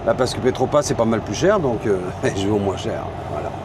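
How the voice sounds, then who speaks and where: Chatting casually to his viewers, a French truck driver vlogs from his cab on the road, speaking with a French accent. His voice is fairly low, expressive and brisk, with engine and road noise in the background.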